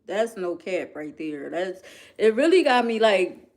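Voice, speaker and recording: A woman with a Philadelphia accent chatting casually to her viewers, animated and emphatic, repeating lines for effect. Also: medium pitch, unhurried. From United States. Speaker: vlogger. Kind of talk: casual chat to camera.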